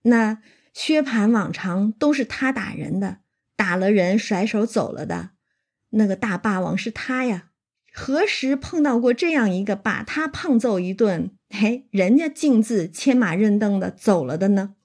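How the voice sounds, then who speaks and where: A woman retelling a classic novel with lively, chatty asides to the listener. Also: medium pitch, unhurried. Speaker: storyteller and commentator on a classic novel. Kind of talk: casual retelling with commentary.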